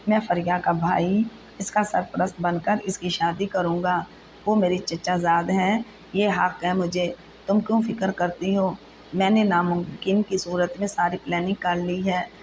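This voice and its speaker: A woman's voice: on the low side, a little slow, close to an everyday voice, rough recording. Woman reading as a tender young husband. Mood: reassuring. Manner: tender, reassuring. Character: young man, loving devoted husband. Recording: steady background noise.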